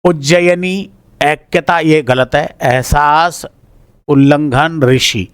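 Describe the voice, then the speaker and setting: A man with a fairly high voice goes question by question through an exam answer key. He repeats each word aloud as he checks it and keeps his tone informal. The recording is dry and close, with no room sound. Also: slow pace, smooth, dry recording. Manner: informal, addresses listeners as brother. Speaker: teacher.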